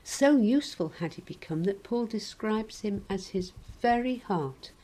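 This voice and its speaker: A woman preaching a sermon in a measured, gently wry reflective way. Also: medium pitch, animated, poor audio.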